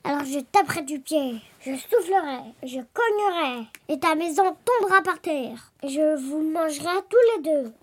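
A woman voicing a menacing hungry male wolf in a read-aloud children's story, dropping into a lower, threatening voice. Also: lively intonation, moderate pace, few pauses.

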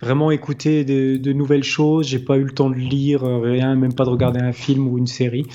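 Dull lo-fi recording, mellow male podcast co-host. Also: mid-range voice, level tone, fairly quick. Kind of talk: casual podcast chat. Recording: dull lo-fi voice line.

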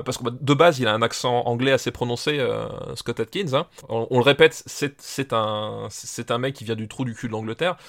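A man's voice: medium pitch, creaky, fairly bright tone. A man co-hosting a podcast, talking in an enthusiastic, slangy, casual way. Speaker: podcast co-host.

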